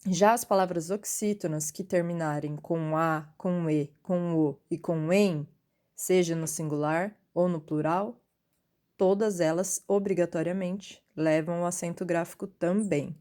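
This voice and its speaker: A woman's voice: fairly low pitch, warm tone. A woman teacher giving a recorded lesson, explaining patiently and often checking in with her students.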